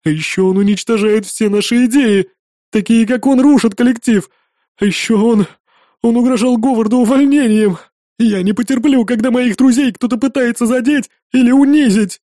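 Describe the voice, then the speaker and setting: A man voicing a hysterical, desperate young male employee in an audiobook, with loud, ranting, sobbing outbursts. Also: very high-pitched, normal speed, no echo, studio quality, voice pushed up. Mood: sobbing confession.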